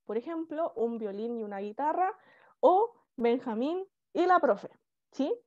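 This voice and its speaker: A woman teacher with a Chilean accent and a shrill voice, giving a lively online class and often checking in with her students. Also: a little slow, dry recording. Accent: Chilean Spanish. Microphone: video call. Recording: slightly muffled video-call audio.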